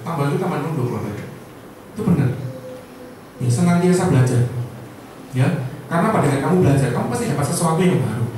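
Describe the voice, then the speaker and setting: High-voiced man giving an echoey pep talk. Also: slight background noise. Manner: addresses the audience directly with rhetorical questions. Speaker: insurance sales team leader. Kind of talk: motivational sales training talk. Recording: echoey room, voice far from the mic.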